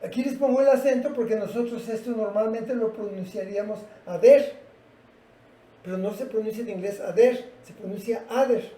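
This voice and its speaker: Mellow-voiced teacher in a roomy space. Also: mid-range voice, steady tone, fairly quick, few pauses. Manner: patient, asks the class rhetorical questions. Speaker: English teacher. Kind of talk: classroom lesson. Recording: roomy, from a distance.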